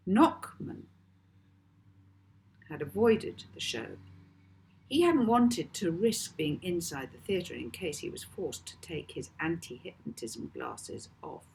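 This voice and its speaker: A woman author with a fairly low voice reads her own children's novel aloud, narrating expressively like a storybook with deliberate phrasing and dramatic emphasis.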